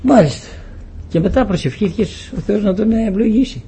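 An older man preaching a sermon, animated and emphatic, acting out little dialogues and rising to loud exclamations. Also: sits high, a little hiss or hum, rough recording.

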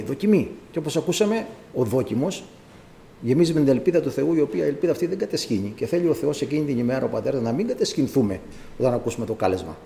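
A man's voice: medium pitch, creaky, warm tone, a little hiss or hum. A man preaching as a visiting preacher, impassioned and rising to emphatic cries. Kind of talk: sermon. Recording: echoey church hall.

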